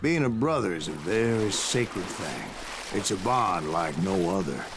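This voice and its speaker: An actor playing a cantankerous old American gunslinger, telling tall tales in a folksy, profane way for a western video game. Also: male voice, low voice, sing-song, unhurried, gravelly, background noise, exaggerated voice. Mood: folksy storytelling. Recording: game audio under loud music.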